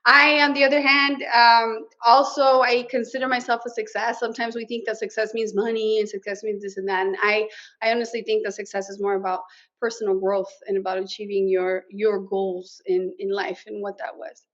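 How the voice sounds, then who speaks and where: A woman's voice: medium pitch, little pitch movement, a little fast, fairly bright tone, muffled recording. A middle-aged woman from Mexico, raised in Nebraska, telling her personal story as an interview guest in an earnest, emotional way, with Spanish words mixed in. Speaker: interview guest, business owner.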